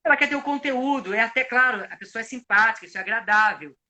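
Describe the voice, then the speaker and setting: A Brazilian man who works as an actor and coach offers advice over a live video chat, speaking reflectively and at length while often restarting his sentences. His Brazilian Portuguese-accented voice is very high, fast, pushed and bright.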